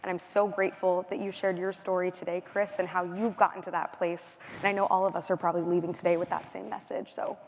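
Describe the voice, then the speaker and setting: A woman's voice: lowish voice, level tone, fast talker, few pauses, slight background noise. A woman moderating an onstage interview, effusive and encouraging as she poses her questions. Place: conference stage.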